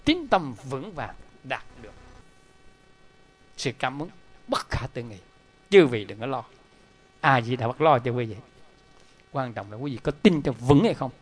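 A man's voice: medium pitch, unhurried, long pauses. A middle-aged man giving a Buddhist dharma talk, telling stories animatedly and speaking straight to his listeners. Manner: animated, emphatic, addresses the audience directly. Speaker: Buddhist lay teacher.

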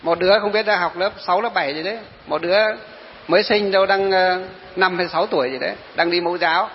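A high-pitched man, a Buddhist monk, delivers a dharma talk full of stories and rhetorical questions. The sound is dull and lo-fi, with a long reverb as in a hall, and faint noise underneath. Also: steady tone, fast. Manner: storytelling, quoting followers, rhetorical questions.

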